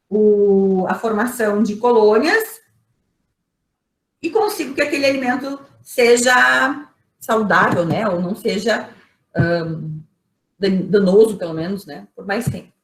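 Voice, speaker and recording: A woman's voice: medium pitch, lively intonation, a little slow. A woman with a Brazilian Portuguese accent teaching an online microbiology class, explaining step by step, asking rhetorical questions and checking in with her students. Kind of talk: online lecture. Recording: echoey room.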